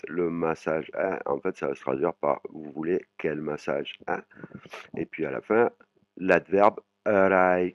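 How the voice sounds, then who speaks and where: A man teaching a language lesson, explaining words slowly and adding "hein" after many phrases. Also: low voice, dry recording. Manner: frequent "hein" tags, slow drawn-out sample words. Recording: dry, muffled lo-fi voice.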